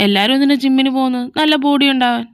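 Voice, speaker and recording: A cheeky young man who gushes and sidesteps questions, as a woman reads him in a fan fiction audio story. The voice is fairly high and playful in manner. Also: racing, no room sound, studio quality. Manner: cheeky, gushing, evasive. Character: cheeky, gushing younger brother.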